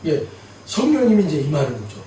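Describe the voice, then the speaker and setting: A middle-aged man preaches with a high, lively voice that swoops up and down as he tells his story. He repeats phrases for emphasis, and his voice rings through a large sanctuary, picked up from a distance. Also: fast, a little hiss or hum. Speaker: pastor. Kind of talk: sermon. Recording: echoey hall from far off.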